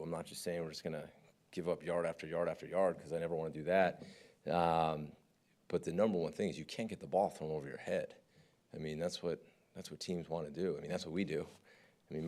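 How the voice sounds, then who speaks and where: Male defensive coordinator, very deep voice, frank press-conference talker. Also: darkish tone. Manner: candid, conversational, often asks "right?".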